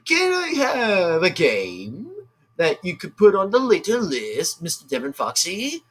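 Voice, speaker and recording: A man's voice: sits high, wildly swooping pitch, unhurried, fairly bright tone, husky, heavily acted. A man voicing an overly polite customer, putting on a British accent and drawing out his pleading words in a sing-song. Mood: pleading politely. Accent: British, put on.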